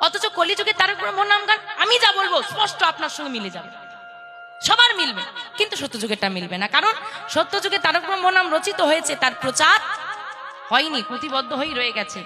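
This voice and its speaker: This woman's voice is extremely high and sing-song, moving at a quick pace as she preaches kirtan to an audience seated at a religious gathering. Loud devotional music plays live behind her while she playfully teases the crowd and leads them in chanting responses.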